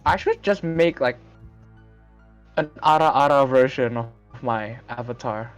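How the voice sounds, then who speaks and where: A man's voice: medium pitch, unhurried, smooth, soft background music. A man hosting a live stream, chatting casually and playfully into his microphone and often laughing. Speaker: streamer host.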